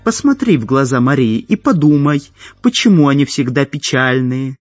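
A weary old male mage, fatherly and melancholy, read by a man. The voice is a little husky. Dull lo-fi audiobook sound with faint music behind. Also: mid-range voice, big pitch swings, moderate pace. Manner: melancholy, gently guilty.

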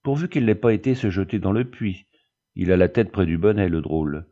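A man's voice: low-pitched, fairly quick, mellow, highs cut off. A man voicing a peasant nurse, a middle-aged woman who exclaims in rustic country speech. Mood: fretful.

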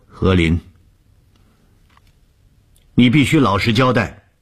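A man's voice: very deep voice, unhurried, breathy edge, heavily acted. A man voicing a stern young Red Guard woman. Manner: stern, then hushed and earnest.

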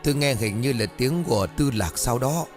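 Man doing a shrill, fretful old village woman. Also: animated, moderate pace, over music, close to an everyday voice. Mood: frightened. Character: old village woman, anxious and sharp-tongued.

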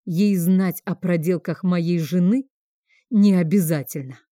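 Woman reading a hoarse, drunken grieving master. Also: fairly low pitch, a little slow, mellow, dry recording, clean studio sound, lightly acted. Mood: menacing. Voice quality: hoarse from drink. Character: grieving drunken male house master, volatile. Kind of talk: audiobook reading.

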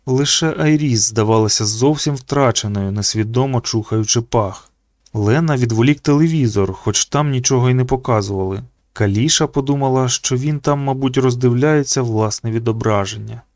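A man narrating an audiobook in an expressive reading voice. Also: moderate pace, no room sound, clean studio sound. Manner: reads expressively, pitching up for the children's quoted lines.

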